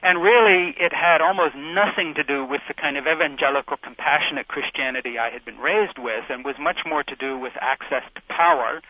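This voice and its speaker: A middle-aged author from Switzerland, speaking as a guest in a radio interview, thoughtful and rambling, with frequent restarts. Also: male voice, fairly high pitch, a little fast, hardly any pauses, sharp tone, no echo. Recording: dull lo-fi radio sound.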